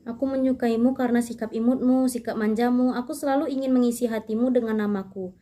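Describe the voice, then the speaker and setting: A gentle young man bids a soft farewell as he dies, read out by a woman in her own high voice. The tone is quiet and tender, close to plain reading. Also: fairly even intonation, fast, close to an everyday voice. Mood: wistful letter.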